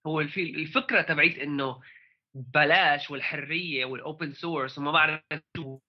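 A man with a Levantine Arabic accent talking casually about tech in a halting way, mixing English terms into his speech. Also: a little high, highs cut off. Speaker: podcast co-host.

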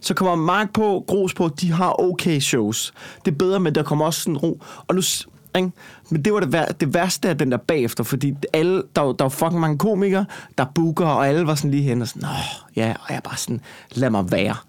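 Man, Copenhagen Danish accent, stand-up comedian, swearing, rambling storytelling, slightly high voice. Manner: profane, rambling, heated. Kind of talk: casual chat, storytelling.

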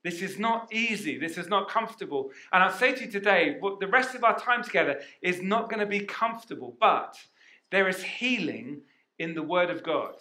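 Pastor, male, lively sermon delivery, headset mic, roomy church reverb, high and bright. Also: normal speed. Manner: energetic, asks the congregation questions. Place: church hall. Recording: echoey church hall.

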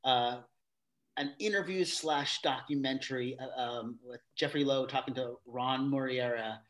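A middle-aged man with a mid-range, slightly bright voice speaks at a measured pace as a guest on an interview show. His casual explanation of his theater company's new work rambles, with frequent sentence restarts.

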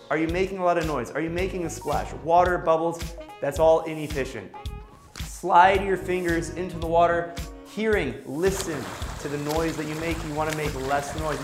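High-pitched male swim coach, echoey. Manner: emphatic, instructive, repeats key points. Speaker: swim coach and video presenter. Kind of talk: instructional video lesson.

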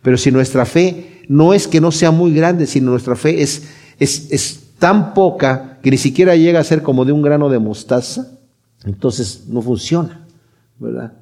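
Animated preaching man, higher voice. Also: a little slow. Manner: animated preaching, shifting between loud and hushed; acts out quoted voices while retelling. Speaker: pastor. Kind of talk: sermon.

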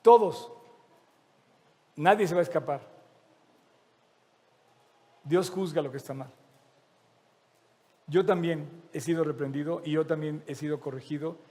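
High-voiced preacher in a big hall. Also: male voice, unhurried, long pauses, dark tone. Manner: earnest, emphatic, repeats key phrases. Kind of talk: sermon. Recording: long reverb of a large hall.

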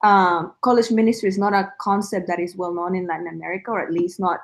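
This Salvadoran woman, a native Spanish speaker, talks fast in a lowish voice with fairly even intonation. As a guest in a relaxed testimony conversation, she shares her faith story earnestly and thoughtfully, often using filler words.

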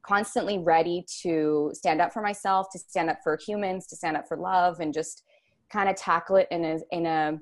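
A woman's voice: on the low side, steady tone, normal speed. A young adult woman, a dance choreographer, talking candidly as a podcast guest, earnest and searching, often restarting her sentences. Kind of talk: candid interview conversation.

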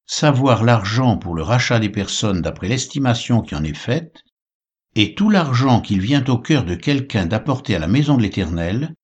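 Husky-voiced man reading scripture aloud. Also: mid-range voice, muffled recording. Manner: measured, expressive reading with lively intonation. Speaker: Bible reader.

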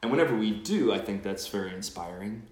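A man with a fairly low voice speaks as a priest at Mass. His delivery is reflective, and the sound rings with a cathedral-like church echo. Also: expressive, fast talker, a little mellow. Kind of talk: Mass Gospel reading and homily.

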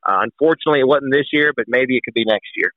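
Young male guest calling in, brisk earnest talker, thin phone-line sound, dry. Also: mid-range voice, dry recording. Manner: earnest, emotional, quick-talking. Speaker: college baseball radio announcer. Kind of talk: podcast interview guest. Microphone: phone call.

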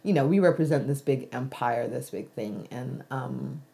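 An American woman with a rumbling low, warm voice and some vocal fry talks as an interview guest at a moderate pace. Expressive and reflective, she restarts many times and laughs easily.

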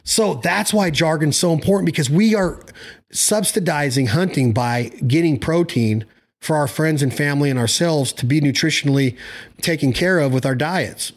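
Guy rambling on casually, kinda high voice, blunt and emphatic, bit of slang. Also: moderate pace. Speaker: hunting show host. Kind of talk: casual opinionated chat.

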